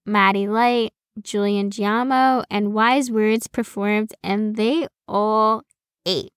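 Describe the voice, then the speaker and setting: Female podcast host, slow measured personal narration, slightly high voice, dry close sound. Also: no echo. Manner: slow, deliberate storytelling.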